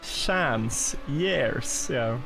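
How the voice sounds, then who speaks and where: A man's voice: medium pitch, expressive, very slow, vocal fry, music in the background. A man streaming a game, telling rambling stories in casual chat and chuckling now and then. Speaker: gaming streamer.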